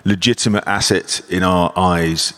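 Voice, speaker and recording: A man on a conference panel, explaining in a measured, structured way. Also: deep voice, fairly even intonation, bright, forceful tone. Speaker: panelist, investment adviser. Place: conference hall.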